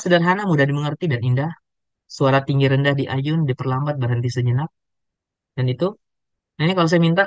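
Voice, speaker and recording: A man teaching a public speaking webinar, demonstrating intonation and tempo drills in an animated way. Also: a little high, no room sound, low-quality recording. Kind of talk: webinar lesson.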